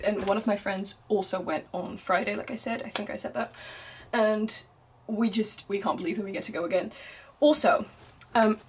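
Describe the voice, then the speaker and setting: A young Dutch-speaking woman vlogger with a mid-range voice gushes through a casual chat, laughing often. Her voice sounds strained from screaming.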